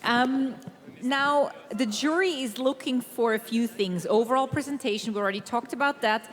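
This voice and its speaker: A woman's voice: fairly high pitch, normal speed. A woman presenting a live broadcast, moderating and asking her guests questions. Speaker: studio presenter. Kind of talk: live studio hosting. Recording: long hall reverb.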